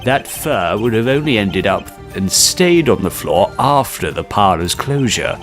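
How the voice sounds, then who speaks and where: A man voicing a confident young male defense lawyer with a deliberate, emphatic courtroom delivery. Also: lowish voice, lively intonation, fairly bright tone, faint music behind. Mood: assertive.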